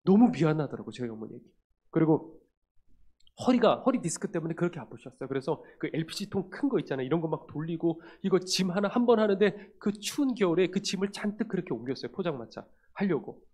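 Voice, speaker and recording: A middle-aged man from Korea's region, a pastor, preaching a sermon through personal storytelling that swings between loud and hushed. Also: a little high, very animated, quick pace. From Gyeongsang region, South Korea.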